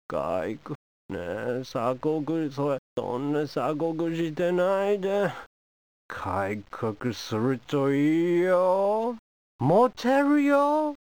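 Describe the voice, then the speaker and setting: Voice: medium pitch, darkish tone, no echo. A comedian performing a pushy, teasing foreign envoy who badgers the audience with questions in a comic monologue. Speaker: stand-up comedian.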